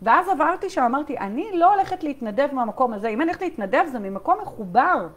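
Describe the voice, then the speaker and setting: Hosting a live online coaching session, a high-voiced woman swings widely in pitch as she addresses her audience directly. She reads out their chat responses and keeps asking an emphatic "okay?", repeating herself often.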